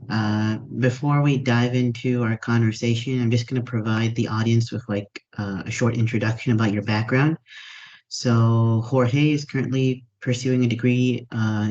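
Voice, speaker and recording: A man's voice: medium pitch, darkish tone. A man hosting a podcast, introducing his guest with many ums and uhs. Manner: hesitant, many fillers. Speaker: podcast host. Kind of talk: interview introduction. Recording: dull lo-fi sound.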